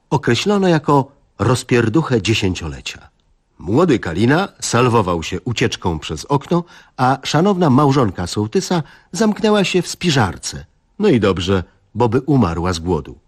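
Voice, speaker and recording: Male comic reader, husky and lively in pitch, wry deadpan. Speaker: narrator of a comic story. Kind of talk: comic story reading.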